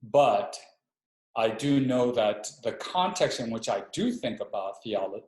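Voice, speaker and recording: This Hawaiian Army chaplain, middle-aged, is a guest in a webinar interview, heard through a video call in an echoey room. He talks a little slowly in a mid-range, slightly mellow, expressive voice, reflective and somewhat hesitant, frequently starting his sentences over.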